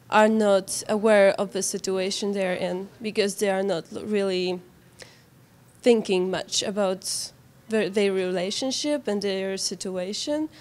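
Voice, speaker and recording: A young woman explaining her work in an interview, haltingly, thinking aloud. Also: mid-range voice, a little mellow. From Poland. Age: young adult. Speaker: student animator being interviewed. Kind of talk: spontaneous interview answers. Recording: background noise.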